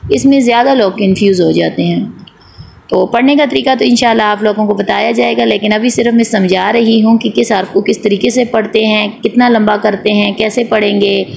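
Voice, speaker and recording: A woman's voice: medium pitch, vocal fry, darkish tone, slight background noise. A woman teaching Quran recitation in an online class, patiently repeating each point, asking and answering her own questions, and drawing out vowel sounds to demonstrate. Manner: draws out the long vowel sounds when demonstrating.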